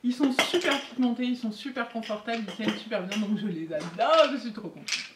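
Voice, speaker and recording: A woman chatting excitedly and giggling as she unboxes makeup for her beauty vlog. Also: on the high side, a little fast. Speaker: beauty vlogger. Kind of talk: casual unboxing chat. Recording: echoey room, faint noise.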